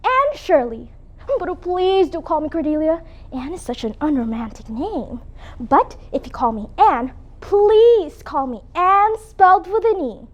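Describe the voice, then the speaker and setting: Woman doing a dramatic little orphan girl, squeaky high, voice swoops all over, flowery gushing. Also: very animated, normal speed, highs cut off. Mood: earnest. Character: dreamy, dramatic orphan girl, about eleven. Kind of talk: competitive humorous interpretation.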